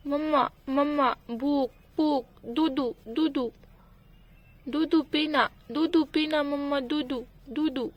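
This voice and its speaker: A woman's voice: high-pitched, fairly even intonation, slow pace, dull audio, voice pushed up. A woman voicing a hungry toddler boy in a doll storybook, babbling single words in baby talk. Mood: whining.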